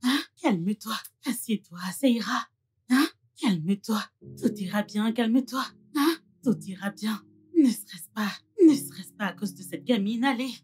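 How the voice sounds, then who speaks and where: In a French film dub, a woman voices a jealous, scheming young woman who mocks and betrays her best friend. Her animated delivery moves at a moderate pace with a slightly mellow, near-everyday tone, mocking throughout and turning shrill when she screams.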